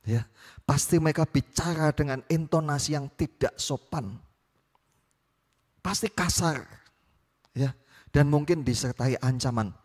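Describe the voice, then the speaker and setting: A man's voice: on the high side, measured pace, pauses often. A male preacher, reading scripture and teaching with frequent questions to his listeners. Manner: questioning, repeats "ya" often. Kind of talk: Bible reading and sermon. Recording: echoey hall.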